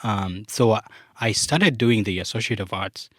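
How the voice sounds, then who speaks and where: A young Ugandan man, a Luganda speaker, joins a podcast as a guest and software developer, talking casually at a normal speed in a lowish voice. He's relaxed, using many fillers like "like" and "you know," and the clean studio sound has no echo.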